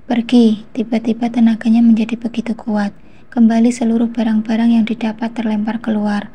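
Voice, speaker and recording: A woman narrating a romance novel in the first person, with a soft, even delivery. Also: a little high, a little fast, slightly rough.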